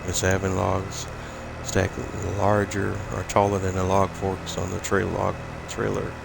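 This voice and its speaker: A man commentating his own farming game stream live, slowly explaining each step while losing his voice. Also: sits low, completely flat delivery, vocal fry. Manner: slow, explanatory, with filler pauses. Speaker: gaming streamer. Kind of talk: casual live gameplay commentary. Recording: loud game noise behind voice. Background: game vehicle and ambience sounds.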